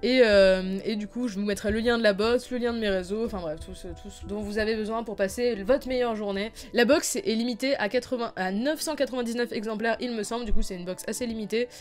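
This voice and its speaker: A woman's voice: on the high side, fast, hardly any pauses, soft background music. A young woman in her late teens chatting casually in an unboxing vlog, rambling with many fillers and restarts. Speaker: YouTuber.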